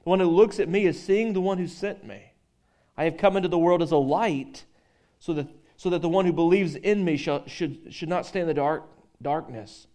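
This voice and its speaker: A man's voice: a little high, moderate pace, mellow. Man preaching a conversational sermon. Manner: conversational, joking with the congregation, frequent restarts; reads scripture aloud. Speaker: pastor.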